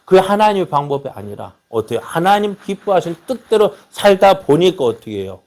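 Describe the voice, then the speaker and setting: A male pastor giving a sermon, repeatedly asking the congregation rhetorical questions and swinging between loud exclamations and quiet asides. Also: high voice, sing-song, fairly quick.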